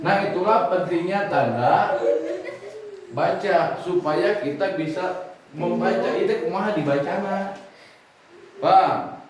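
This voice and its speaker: A man teaching children to read Quranic script, speaking, slow and questioning as he drills the class. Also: sits high, a crowd in the background. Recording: echoey room, mic far off, faint noise.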